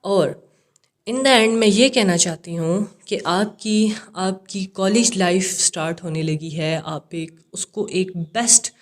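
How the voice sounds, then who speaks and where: A young woman English teacher with a Pakistani accent, walking students through an exam paper and checking in often to be sure they follow. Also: mid-range voice. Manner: mixes English terms into Urdu, frequent "theek hai" check-ins.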